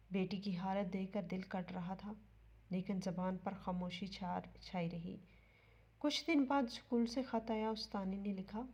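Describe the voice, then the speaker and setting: A woman's voice: mid-range voice, muffled recording. A woman reading an emotional moral story aloud as narrator, speaking the lines of its characters too. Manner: steady emotional storytelling with quoted dialogue. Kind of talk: scripted narration.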